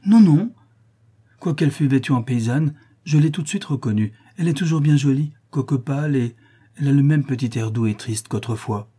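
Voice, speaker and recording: Male reader doing a plaintive young Parisian working girl, mellow and husky. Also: fairly quick, natural voice. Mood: eager. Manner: tender, plaintive, lifting into a higher voice. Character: young working Parisian woman, sweet and worried. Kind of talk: audiobook character reading.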